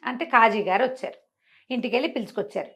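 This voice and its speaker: A fast-talking woman with a fairly bright, high-leaning voice tells a fable with a moral. Her storytelling is lively, full of acted-out dialogue and rhetorical questions.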